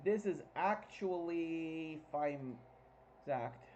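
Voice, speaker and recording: A man hosting informal live hurricane coverage, excitable and emphatic, repeating himself as he gives updates. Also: on the high side, slow pace. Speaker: livestream host covering a hurricane. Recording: muffled lo-fi audio with faint noise.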